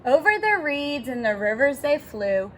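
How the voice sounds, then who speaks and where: A woman teacher reading a rhyming picture book aloud to children, expressive and pausing to ask her listeners questions. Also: high voice, a little hiss or hum.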